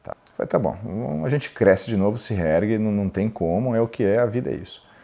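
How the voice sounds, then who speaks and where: A man's voice: on the low side, fairly quick, gravelly. A middle-aged man from Brazil, a lawyer and entrepreneur, tells his own story frankly in an interview and acts out what other people said to him. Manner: candid, animated, quotes others in dialogue.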